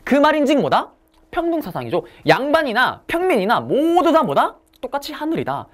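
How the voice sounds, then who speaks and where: A woman's voice: sits high, wildly swooping pitch, brisk. A woman giving an exam-prep history lecture, asking the class questions and answering them herself.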